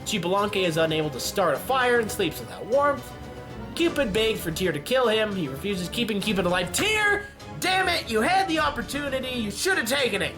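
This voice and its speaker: A man giving casual, jokey commentary on a game simulation, often yelling at events and laughing. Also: high-pitched, very animated, fairly quick, music in the background. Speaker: YouTube gaming commentator.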